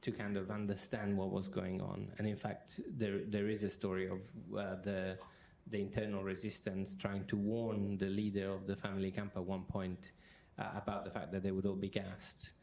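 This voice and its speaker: Before a university audience, a man who is a history professor moderates a public interview with a guest, speaking hesitantly and restarting often. His low voice is completely flat and a little mellow, with vocal fry, a moderate pace, and hardly any pauses.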